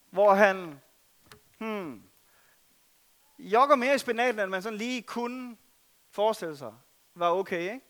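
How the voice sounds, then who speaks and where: High-voiced man preaching a sermon. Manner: earnest, swings between loud stress and soft asides. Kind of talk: sermon with scripture reading.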